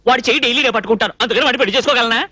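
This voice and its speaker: An actor dubbing a naive, fussy young male cook in a film comedy, scolding and quick-tempered. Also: very high voice, pushed and bright, dry recording, exaggerated voice. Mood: indignant. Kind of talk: dubbed film comedy acting.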